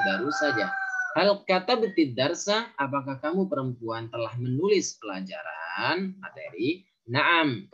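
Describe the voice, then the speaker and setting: Husky-voiced man teaching Arabic grammar. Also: medium pitch, fairly bright tone. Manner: reads Arabic phrases aloud, then explains them; frequent "ya" and "eh" fillers. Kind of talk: recorded grammar lesson. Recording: dull, lo-fi recording.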